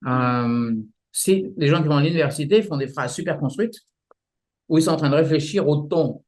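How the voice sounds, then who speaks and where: A man explaining martial arts practice in a relaxed interview, often restarting his sentences and using images. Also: a little high, normal speed. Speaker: martial arts teacher, guest.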